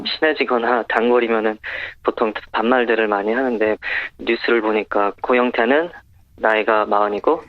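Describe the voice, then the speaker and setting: An anonymous male witness talks over a phone line, his voice lowered by a voice changer, and gives brief, matter-of-fact answers. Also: no echo. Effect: voice disguised by a pitch-lowering voice changer. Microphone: phone call. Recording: dull, muffled phone-line sound.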